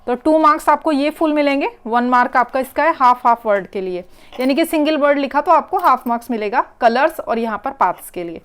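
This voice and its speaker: A woman's voice: sits high, animated, brisk, clear, resonant tone. A woman teacher, working through an exam paper step by step and repeating the key words. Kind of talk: exam paper walkthrough lesson.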